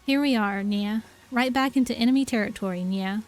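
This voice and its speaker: Woman reading as a deadpan young woman. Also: fairly high pitch, a little fast, faint music behind, natural voice. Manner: monotone, tacks "yeah" onto lines.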